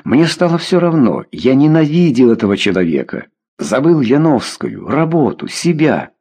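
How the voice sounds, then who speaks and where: A man reads a novel aloud in the first person, in a measured and dramatic way. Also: medium pitch, very animated, mellow, slightly rough. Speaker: audiobook narrator.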